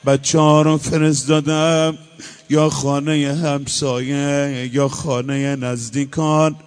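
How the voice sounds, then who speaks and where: A man's voice: on the high side, clear, resonant tone. A man delivering a chanted mourning eulogy, moving between emotional storytelling and sung lament. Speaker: religious eulogist.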